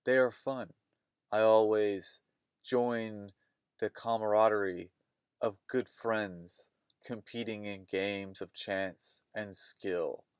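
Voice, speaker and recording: A man voicing a creepy, overly formal middle-aged neighbor who speaks softly and stiffly. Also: on the low side, fairly even intonation, slow, smooth, dry recording, clean studio sound, voice pushed down. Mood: creepy polite.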